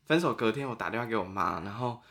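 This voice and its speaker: Young taiwanese guy telling his story, laughs a lot, lively up and down voice. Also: on the low side, quick pace. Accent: Taiwanese Mandarin. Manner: animated storyteller, laughs often. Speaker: guest. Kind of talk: casual chat, storytelling.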